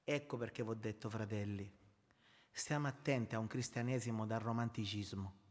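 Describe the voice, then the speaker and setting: A man's voice: on the low side, fairly even intonation, moderate pace, long reverb tail. A man preaching a sermon, emphatic and repetitive, calling his listeners brothers. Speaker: pastor.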